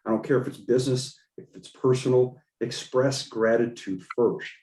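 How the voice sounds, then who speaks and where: A man's voice: medium pitch, fairly even intonation, moderate pace, darkish tone, roomy sound. A man hosting a group video call, encouraging and upbeat, coaching his listeners and often repeating his words. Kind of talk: motivational coaching talk.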